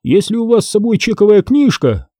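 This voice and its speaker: A man's voice: high-pitched, very animated, a little fast, mellow, no room sound, clean studio sound, voice pushed up. A man doing a nervous older car seller. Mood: urgent.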